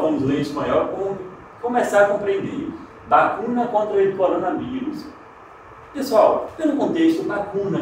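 A Brazilian man teaching a televised Spanish lesson, slow and emphatic on example words. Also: high voice, darkish tone. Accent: Brazilian Portuguese. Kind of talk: televised exam-prep lesson. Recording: very echoey, distant mic, faint noise.

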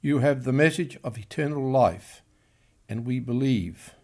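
A man's voice: mid-range voice, measured pace, darkish tone. An older man, a clergyman, solemnly reading scripture aloud at a chapel lectern. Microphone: gooseneck lectern microphone.

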